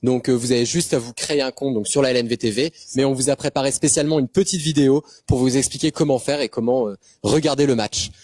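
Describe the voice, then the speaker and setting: A man's voice: medium pitch, fast talker, hardly any pauses, darkish tone, no room sound. A man co-hosting a live stream, steadily giving viewers practical information. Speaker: co-host of a pre-match live.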